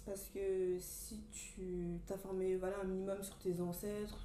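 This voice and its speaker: A woman in casual chat, mostly giving brief calm replies. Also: medium pitch, unhurried, a little hiss or hum. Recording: echoey room.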